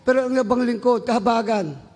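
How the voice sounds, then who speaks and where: A Filipino man preaching in a very high, gravelly voice that rings out in a long-echoing church hall. He exhorts his listeners and breaks into shouted praise. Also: a little fast. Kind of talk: sermon.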